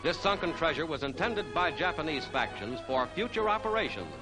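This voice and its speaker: 1940s newsreel announcer over loud music. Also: male voice, a little high, animated, rough recording. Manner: brisk announcer delivery. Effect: old newsreel narration. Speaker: newsreel narrator.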